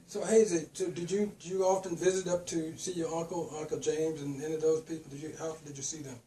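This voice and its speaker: Man interviewer, slightly high voice, folksy, restarts questions, echoey room. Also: flat delivery, fast, dark tone, a little hiss or hum. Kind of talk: casual family interview. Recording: roomy, distant mic.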